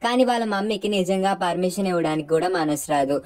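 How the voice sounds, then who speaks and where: A woman's voice: on the low side, lively intonation, fast talker, darkish tone. A woman casually retelling a drama's plot as a recap narrator, voicing the characters' lines in her own voice.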